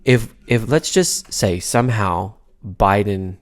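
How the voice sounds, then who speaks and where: A man with a fairly low voice co-hosts a casual political podcast. He is animated, and his pitch leaps up when he gets worked up. He stops and restarts his sentences often. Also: slow pace. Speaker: podcast co-host.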